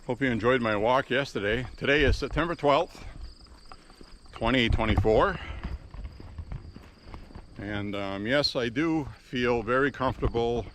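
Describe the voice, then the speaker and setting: Through a Bluetooth earpiece, a man who used to work in radio narrates a relaxed walking vlog on a quiet country lane. His medium-pitched voice has a fairly bright tone and a deliberate, slow cadence. A little hiss or hum sits under the faint crickets and insects.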